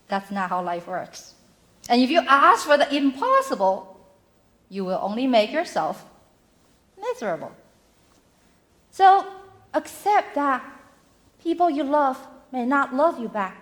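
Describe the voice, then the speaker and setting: A high-pitched woman delivers a motivational keynote at a slow, deliberate pace. She breaks her lines into short, emphatic chunks with pauses between them. She speaks at an arts center venue. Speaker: mental health keynote speaker. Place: arts center venue before a live audience.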